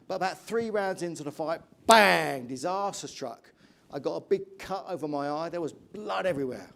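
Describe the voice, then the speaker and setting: High-voiced English motivational speaker, man. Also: brisk, creaky. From England. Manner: energetic storytelling, asks the audience questions. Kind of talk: motivational keynote speech.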